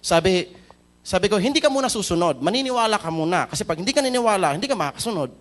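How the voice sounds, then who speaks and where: A man's voice: sits high, animated, rapid-fire. A Filipino man preaching a sermon in church, telling a story and asking the congregation questions. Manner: mixes Tagalog and English, storytelling, asks the crowd questions. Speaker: pastor.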